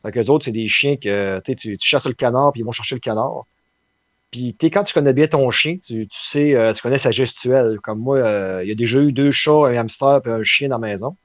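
A man's voice: medium pitch, a little fast, dry recording. A man with a Quebec French accent chatting casually on a podcast, hesitant and full of fillers. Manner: hesitant, many fillers and restarts. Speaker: podcast co-host. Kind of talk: casual conversation.

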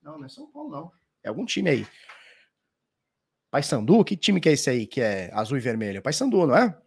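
With big swings in his fairly high, creaky and husky voice, a Brazilian crypto streamer talks a little fast while standing at his live stream mic. His Brazilian Portuguese accent comes through as he tackles viewer questions casually, with slang, curses and frequent restarts.

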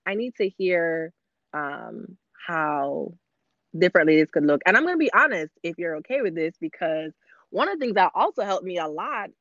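A woman's voice: fairly low pitch, expressive, moderate pace, fairly bright tone, no room sound, dull audio. A woman in her thirties, a podcast guest, telling her story openly in casual chat. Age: 30s. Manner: candid, open storytelling.

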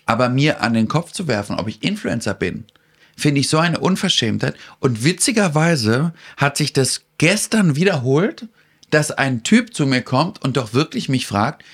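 A man with a mid-pitched voice, holding forth in lively podcast chat. He sounds indignant and theatrical, and he acts out whole exchanges with other people as he goes. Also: moderate pace, slightly rough. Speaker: podcast host. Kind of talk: animated casual chat.

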